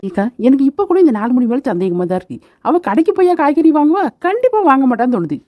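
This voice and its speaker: A woman putting on a lower voice for a nosy, suspicious village woman in a cartoon. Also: very animated, phone-quality sound. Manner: quick, nosy gossip. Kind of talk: cartoon dubbing.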